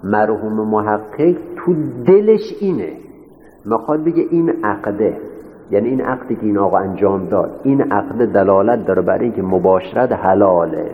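A man teaching a seminary class, repeating each point and asking his students rhetorical questions. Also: fairly low pitch. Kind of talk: classroom lecture. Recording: echoey hall, dull lo-fi sound with faint noise.

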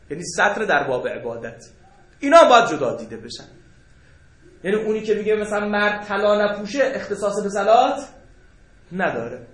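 Male seminary teacher, high bright voice, animated and joking, echoey classroom. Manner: animated, joking, rhetorical questions. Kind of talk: jurisprudence lecture to students. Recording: echoey room.

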